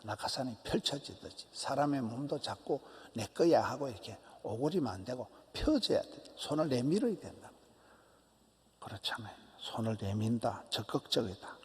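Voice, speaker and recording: Speaking with a medium-pitched voice at normal speed, this Gyeongsang-accented pastor in his sixties gives an early-morning sermon. His emphatic, animated preaching relies on short repeated phrases that occasionally fall to a whisper, echoing with church hall reverb in the sanctuary.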